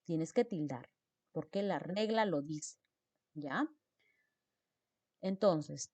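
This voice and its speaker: A woman's voice: on the low side, dark tone, no room sound. A woman teacher explains mark rules, repeating example words and checking in with her students. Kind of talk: spelling lesson on accent marks.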